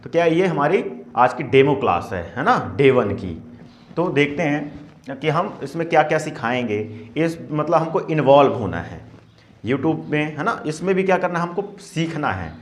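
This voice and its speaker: Man teaching spelling, slightly high voice. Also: sing-song, moderate pace, a little hiss or hum. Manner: repeats questions and answers himself; drills words syllable by syllable. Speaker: English teacher. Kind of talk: classroom spelling lesson.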